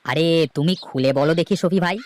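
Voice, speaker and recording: A man voicing a friendly, eager village neighbor in a cartoon, quick to agree. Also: fairly high pitch, darkish tone, a little hiss or hum, close to an everyday voice.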